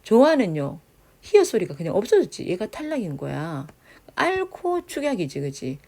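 A woman teacher explains grammar to middle schoolers in a lively, rising and falling voice. Her tone is mellow and rather low, and she keeps checking that the class follows. She stretches out example words slowly as she sounds them out. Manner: checks understanding with frequent tag questions. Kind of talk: grammar lesson lecture.

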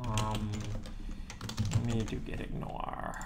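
A man's voice: fairly low pitch, monotone, takes it slowly, very noisy. A man livestreaming himself programming, explaining code in casual commentary with rambling, muttered asides, close on a desktop microphone. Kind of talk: casual live-coding commentary. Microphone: desktop USB microphone. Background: faint keyboard typing.

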